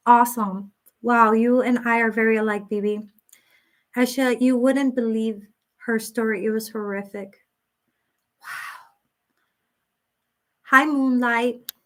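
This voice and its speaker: A woman hosts a psychic reading live stream and talks casually with her viewers. She reads their comments aloud and answers with gentle sympathy, often restarting her sentences. Her voice sits a little high. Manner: talks in loose, restarting sentences with many fillers.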